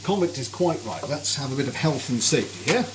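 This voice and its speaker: A chatty man with a mid-range, animated voice cooks live in his home kitchen, talking briskly in a genteel, cheerful way and greeting viewers by name as a streamer. The background carries kitchen noise and sizzling frying.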